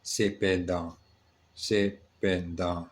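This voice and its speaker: Male language learner, low-set voice, unhurried delivery, drills phrases by repetition with self-mocking asides. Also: level tone. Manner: repeats each phrase slowly. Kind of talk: practicing phrases aloud.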